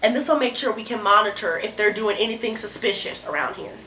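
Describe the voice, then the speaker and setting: In a student debate video, a young woman plays a brash, scornful, alarmist presidential candidate, her delivery blunt and folksy. Her mid-range voice is expressive, fast, pushed and bright. The recording has a roomy echo and noticeable background noise.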